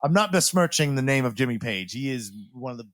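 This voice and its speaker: A man's voice: medium pitch, animated, fast, fairly bright tone, dry recording, clean studio sound. A man hosting a podcast, talking in casual, rambling banter with plenty of swearing. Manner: rambling, informal. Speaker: podcast host.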